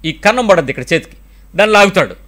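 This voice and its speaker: A middle-aged male pastor preaching a sermon, animated and full of rhetorical questions, now and then slipping in English phrases. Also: sits high, rapid-fire.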